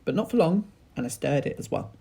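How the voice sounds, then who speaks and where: A man's voice: a little high, animated, fast talker, gravelly, warm tone, slightly rough, pitched above the performer's own voice, exaggerated voice. A man voicing an eager, earnest young boy in a children's storybook, with keen, simple exclamations.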